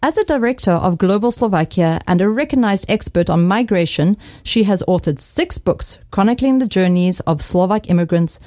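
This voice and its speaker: A woman's voice: mid-range voice, expressive, moderate pace, hardly any pauses, mellow, no echo, studio quality. A woman hosting a radio program, reading scripted introductions in an announcer's manner. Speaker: radio host. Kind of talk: radio presenting. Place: radio studio.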